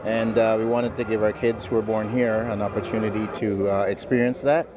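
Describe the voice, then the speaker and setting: A man's voice: fairly low pitch, flat delivery, fairly quick, noisy background. A man interviewed as a parent, speaking hesitantly with many fillers.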